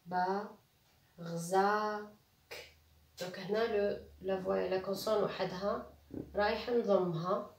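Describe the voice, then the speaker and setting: A woman teacher, slowly spelling out letters and syllables in a reading lesson, mixing French with Arabic. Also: mid-range voice, fairly even intonation, vocal fry, darkish tone, slight background noise. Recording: roomy and distant from the mic.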